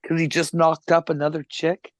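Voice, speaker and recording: A podcast co-host with an Albertan Canadian accent chats crudely and casually, swearing freely, laughing often, and telling stories with animation. His voice is on the high side at normal speed, captured in clean studio sound with no room noise.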